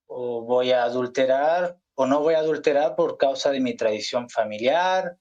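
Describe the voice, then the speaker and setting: A man's voice: medium pitch, darkish tone. Earnest man, muffled call audio. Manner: earnest, preachy, with many "¿no?" tags. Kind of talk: casual Bible study discussion.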